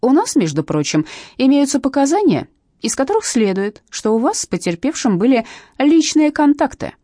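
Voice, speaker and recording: A woman's voice: sits high, very animated, normal speed, mellow, no echo, clean studio sound, voice pushed up. A woman voicing a stern, sarcastic female police captain who barks her questions. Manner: curt, barking, mocking.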